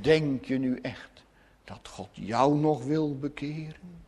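A man's voice: fairly high pitch, takes it slowly, a little mellow, slightly rough, heavily acted. A man voicing a sly, scheming devil who tempts and mocks churchgoers. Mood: coaxing. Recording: long church reverb.

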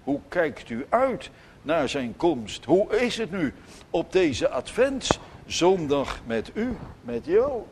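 Slow, emphatic preacher. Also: male voice, high-pitched, very animated, creaky, slight background noise. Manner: emphatic preaching, rising to loud declarations and dropping to soft asides. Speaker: pastor. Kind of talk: sermon. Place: church.

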